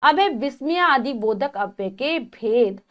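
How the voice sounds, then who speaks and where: Woman teacher, high voice, patient step-by-step grammar lesson for kids. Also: expressive, takes it slowly, fairly bright tone. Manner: explains step by step and addresses children.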